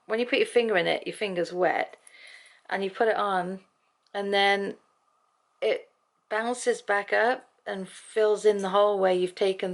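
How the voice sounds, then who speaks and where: Female vlogger, gravelly fry in the voice, informal and chatty, rambling video-diary delivery. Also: medium pitch. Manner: chatty, tangent-prone. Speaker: daily vlogger.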